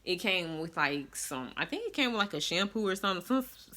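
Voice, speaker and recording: A woman's voice: on the low side, big pitch swings, a little fast, bright, forceful tone. A woman vlogger telling a personal story to her viewers, casual and dramatic, often calling them "y'all".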